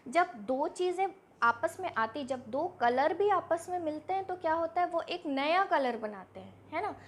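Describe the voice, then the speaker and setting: This biology teacher's very high-pitched voice sounds animated as she moves at a moderate pace through an online exam-prep lesson. She goes step by step, putting questions to her students and supplying the answers herself.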